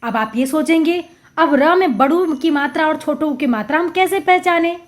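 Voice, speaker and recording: A woman teaching a Hindi lesson to young children, sounding out syllables slowly and patiently, repeating each word with emphasis. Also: sits high. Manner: addresses children directly, patient explaining. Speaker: primary school Hindi teacher.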